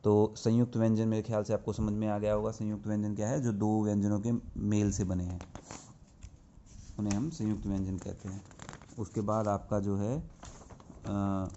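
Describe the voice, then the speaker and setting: A man teaching a grammar lesson to young pupils. He explains slowly and step by step, asking questions and answering them himself. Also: on the low side, warm tone, slight background noise. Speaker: school teacher. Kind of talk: classroom lesson. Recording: dull lo-fi recording.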